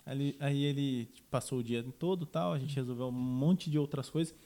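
A man's voice: medium pitch, a little fast, mellow. A man telling anecdotes in casual podcast talk, acting out quoted dialogue as he goes. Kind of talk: casual storytelling.

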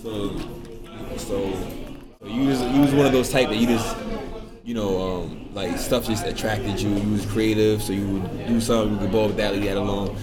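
A man's voice: lowish voice, fairly even intonation, moderate pace. A man hosting a podcast in a casual, slangy way. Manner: slangy, informal. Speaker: podcast host. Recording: loud music behind the talk. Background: loud music.

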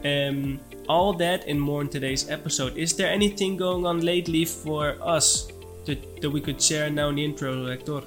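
A man hosting a podcast with a slightly higher voice and an upbeat, friendly way of talking. Faint music sits under his voice. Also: moderate pace. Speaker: podcast host.

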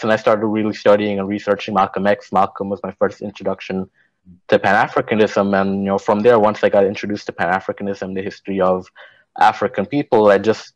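A man from Guyana, an author and activist, giving measured, thoughtful interview answers. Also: fairly low pitch, no echo, lo-fi sound.

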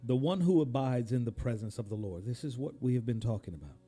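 A man, a pastor, preaching a sermon in a slow cadence that rises suddenly and drops to a hush. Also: mid-range voice, lively intonation, breathy edge, faint music behind.

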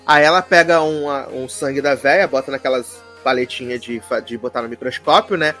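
A man's voice: mid-range voice, a little fast, soft background music. A man casually retelling a series episode, slipping into playful character voices and filler phrases. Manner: animated, quotes characters in playful voices, fillers like "não sei o quê". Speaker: podcast co-host recapping a series. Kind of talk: casual chat, retelling with acted quotes.

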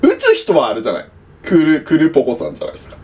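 A man's voice: fairly high pitch, wildly swooping pitch, rapid-fire, background noise. A man co-hosting a podcast, chatting in easy, laughing banter. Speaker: podcast co-host. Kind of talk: casual chat.

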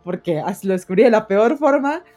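A woman's voice: medium pitch, normal speed, faint music behind. A young woman, chatting as a podcast guest and acting out the voices in her stories. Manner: animated storyteller, acts out quoted voices. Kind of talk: casual podcast chat.

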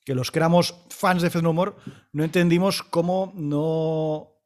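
A man argues his point with emphatic enthusiasm. His voice sits a little high, and he often circles back to repeat his words. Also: steady tone, measured pace, a little mellow. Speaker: panelist. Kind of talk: casual music debate.

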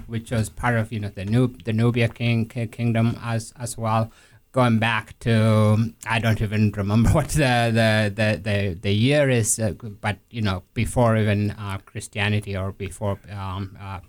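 A man's voice: fairly low pitch, steady tone, a little slow. A man from South Sudan speaking as an interview guest, thoughtful and hesitant with many fillers and restarts. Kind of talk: conversational interview.

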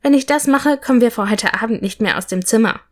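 A woman voicing an excitable, warm-hearted young witch in a storybook, speaking brightly and eagerly. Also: a little high, fast talker, natural voice.

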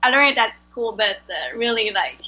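A woman whose first language is Vietnamese speaks English with a French accent in a high-leaning, sharp voice with big pitch swings, at a moderate pace on dull audio. As a guest translator on a video call, she answers interview questions hesitantly, searching for words.

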